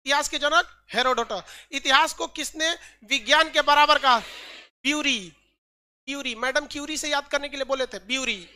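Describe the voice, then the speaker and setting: A woman's voice: sits high, moderate pace, sharp tone. A woman teacher running an exam-prep lesson, quizzing students with repeated questions and joking asides.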